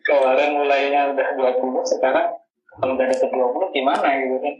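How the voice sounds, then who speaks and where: A man who teaches kindergarten, a podcast guest telling his story in animated casual chat and laughing easily. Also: mid-range voice, quick pace, roomy sound, dull audio.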